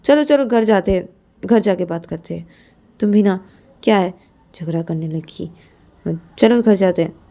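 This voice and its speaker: A woman voicing a patient young partner who coaxes and pleads softly. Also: medium pitch, unhurried, pauses often, natural voice. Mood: pleading. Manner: soothing, pleading, repeats "arre".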